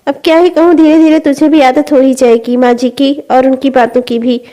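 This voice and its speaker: A woman's voice: high-pitched, little pitch movement, moderate pace, dark tone, lightly acted. A woman voicing a patient, polite elder daughter-in-law in a cartoon comedy. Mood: gentle. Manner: polite, soothing, deferential.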